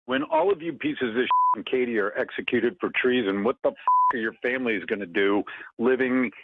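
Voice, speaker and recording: A man's angry voicemail plays back over a narrow, tinny phone line, faint hiss underneath. His voice sits fairly low and he spits out threats and abuse. It sounds like a message left on an answering machine. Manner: furious, abusive, threatening. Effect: voicemail played over a phone line. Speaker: voicemail caller.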